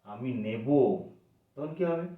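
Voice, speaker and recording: A man's voice: medium pitch, expressive, measured pace. A man teaching an English grammar lesson, patiently asking questions and then answering them himself. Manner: patient, asks and answers his own questions. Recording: echoey room, voice from a distance, dull sound.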